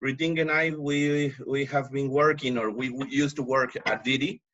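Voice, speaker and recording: A man's voice: mid-range voice, fairly even intonation, moderate pace, a bit bright, highs cut off. A man hosting a casual podcast, speaking hesitantly with frequent restarts. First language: Spanish. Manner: hesitant, restarts often in English. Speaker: podcast host.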